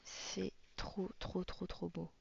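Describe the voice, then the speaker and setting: A husky, gravelly woman with a fairly low, darkish, level voice talks slowly as she pages through a colouring book. She sounds casual and enthusiastic, exclaiming in awe, while music plays beneath the muffled recording.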